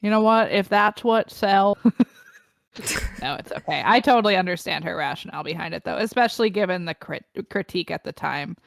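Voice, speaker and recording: A woman's voice: fairly low pitch, animated, normal speed, gravelly, no room sound. A young woman co-hosting a podcast, chatting casually with a blunt, joking manner and frequent laughter. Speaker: podcast co-host. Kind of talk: casual chat.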